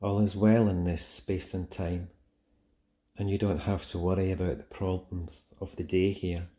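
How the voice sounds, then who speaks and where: A man guiding a relaxation meditation in a soft, soothing, gentle manner with long pauses. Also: deep voice, level tone. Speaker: meditation guide. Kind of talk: guided relaxation meditation, soothing scripted narration.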